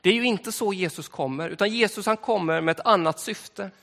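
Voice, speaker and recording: A man preaching a sermon in a church, telling the story in a relaxed, conversational way with frequent fillers. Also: sits high, vocal fry. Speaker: pastor. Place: church hall. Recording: long hall reverb in church.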